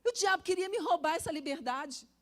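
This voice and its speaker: A woman preaching, telling a personal testimony with animated storytelling and speaking directly to the congregation. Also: very high-pitched, fairly quick. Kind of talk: sermon testimony.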